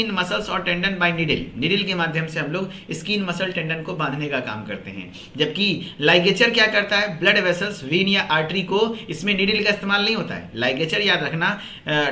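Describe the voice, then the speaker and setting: Bright, high-voiced male pharmacy teacher. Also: reverberant, a little hiss or hum. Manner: conversational teaching, repeats answers as questions to the class. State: tired after a full day of work. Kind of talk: online exam-prep lecture.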